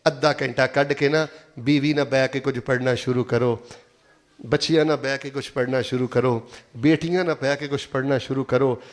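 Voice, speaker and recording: A man's voice: mid-range voice, steady tone, fairly quick. A man with a Pakistani Punjabi accent preaching a sermon, emphatic and repetitive, prompting the congregation to answer aloud.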